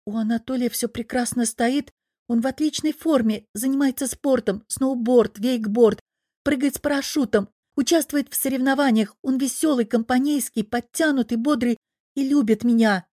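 A woman voicing a hot-tempered young adult daughter who bursts out in shrill protest, in an audiobook. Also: moderate pace, warm tone, dry recording, studio quality, lightly acted. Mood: indignant. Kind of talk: audiobook character voice.

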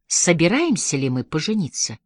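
A woman's voice: low voice, sing-song, normal speed, no room sound, studio quality. A woman reading a proud, hurt young woman. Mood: pleading. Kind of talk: audiobook reading.

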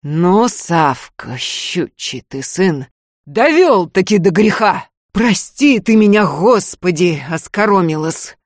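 A woman voicing a fierce old village wise woman with a hoarse, strange voice in a storybook reading. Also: fairly low pitch, lively intonation, slow, no echo, studio quality. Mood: stern.

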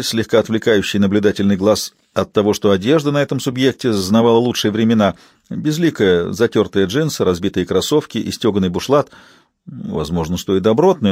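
A man with a fairly low voice reads an audiobook aloud as its narrator. His storytelling is steady and even. The close studio mic gives a very dry, dead sound. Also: dry recording. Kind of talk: scripted narration.

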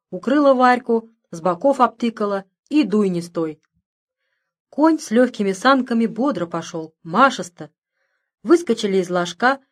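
A woman reading a story aloud as a first-person narrator, in lively, folksy, conversational rural speech. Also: medium pitch. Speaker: audiobook reader.

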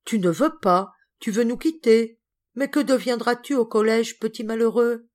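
A woman voicing an excitable, indignant middle-aged spinster cousin in an audiobook, with exclamatory, melodramatic speech. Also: a little high, moderate pace, close to an everyday voice.

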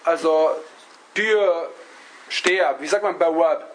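High-voiced man teaching, halting delivery. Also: a little hiss or hum, low-quality recording. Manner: halting, searches for words, often adds a questioning "ja?". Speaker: religious teacher. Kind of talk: religious lesson, storytelling to a class.

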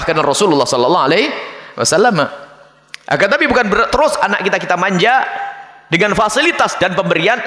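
A man giving a religious lecture to a congregation, animated, acting out the voices of people he describes. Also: high-pitched. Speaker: Islamic preacher. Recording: echoey hall with long reverb.

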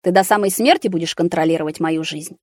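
Resentful young man stuck in a ward, sharp and loud in anger, read by a woman with a low, dry voice. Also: fast talker, dry recording, close to an everyday voice. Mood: angry shouting. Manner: sharp, resentful, at times shouting. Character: bitter angry young man confined to a hospital ward.

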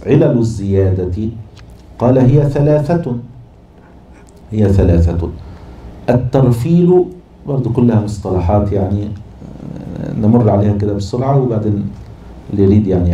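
A man with an Egyptian accent gives a lesson, patiently explaining a text and drawing out syllables one by one. His voice sits low and sounds very dark and mellow. The recording carries the echo of a room, with faint background noise. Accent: Egyptian Arabic. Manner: patient, repeats and spells out syllables slowly. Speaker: teacher of Arabic prosody.

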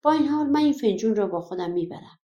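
A woman's voice: on the high side, animated, warm tone, lo-fi sound, lightly acted. A woman voicing a bold young male warrior hero in an audiobook folk tale, speaking earnestly.

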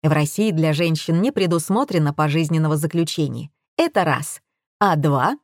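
Woman reading a sardonic man, wry, low voice, dry sound. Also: normal speed, no echo.

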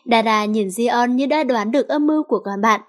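A woman reads a teen story aloud in a lively, playful way. Her voice sits somewhat high. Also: fairly quick. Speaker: narrator. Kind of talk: storybook reading.

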